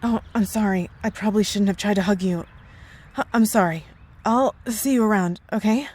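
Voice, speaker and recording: A woman's mid-range, slightly mellow voice, near everyday speech, carries a moderate pace. She acts as a concerned, caring married coworker in an ASMR roleplay audio drama, earnest, worried, and hesitant, choosing her words with care.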